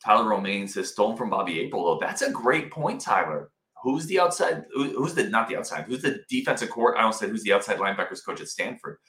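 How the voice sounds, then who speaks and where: A man with a lowish, forceful voice hosts a casual sports show from inside a wooden cabin. He talks informally and with enthusiasm, and the room adds clear echo around his words. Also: big pitch swings, quick pace. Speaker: sports podcast host. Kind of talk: casual sports commentary to live viewers. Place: indoors in a cabin. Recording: roomy indoor cabin echo.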